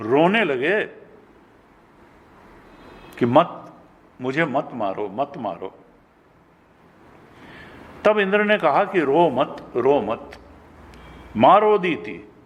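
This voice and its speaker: Slow, higher-pitched older Indian preacher. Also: male voice, dull audio. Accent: North Indian Hindi. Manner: storytelling, acting out dialogue with rising pitch. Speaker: spiritual teacher. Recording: long hall reverb.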